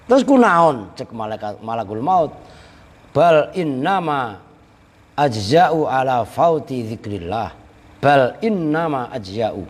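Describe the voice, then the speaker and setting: A man's voice: fairly high pitch, in a large hall. A man teaching a traditional religious text, reading and translating it word by word, with playful joking asides to his students. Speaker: Islamic boarding school teacher.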